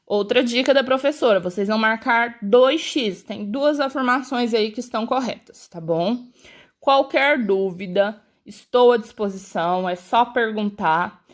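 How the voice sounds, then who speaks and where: A woman's voice: a little high, a little slow. A woman teacher with a Brazilian accent, patiently taking young pupils through a school worksheet step by step and talking to them directly. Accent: Brazilian Portuguese. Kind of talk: explaining a school worksheet to children.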